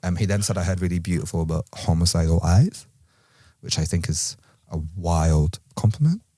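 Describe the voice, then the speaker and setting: A man from Scotland with an Edinburgh Scottish accent, chatting casually on a podcast with dry, teasing humor and measured explanations. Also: sits low, animated, mellow, no echo. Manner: thoughtful, measured when explaining.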